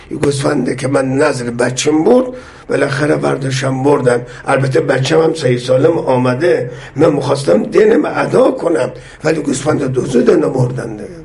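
A man preaching a sermon, speaking slowly and with measured weight, and acting out the voices of the people in the stories he tells. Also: medium pitch, vocal fry, a little mellow. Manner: slow, measured delivery, voicing the people in his stories. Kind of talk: sermon with storytelling.

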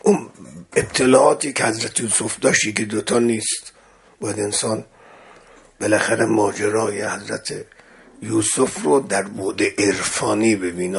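Male preacher, gravelly rasp, husky tone, storytelling sermon with dramatic loud and soft swings. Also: on the low side. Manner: dramatic swings of loudness, acts out quoted dialogue.

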